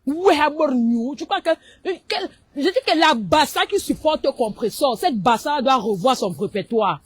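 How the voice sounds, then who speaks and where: A woman with a Cameroonian French accent speaks in a high, piercing voice. She rants hotly and confrontationally, dropping into Pidgin English as she goes. The sound is dry and close, with no room around her. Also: animated, moderate pace, breathy edge, dry recording. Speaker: online commentator. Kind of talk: heated livestream rant.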